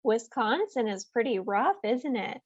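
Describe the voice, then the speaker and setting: Slow, wry young woman. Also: a little high, expressive, breathy edge, no room sound. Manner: laid-back, wry, laughs often. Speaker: podcast co-host. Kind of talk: casual chat. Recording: dry, dull lo-fi sound.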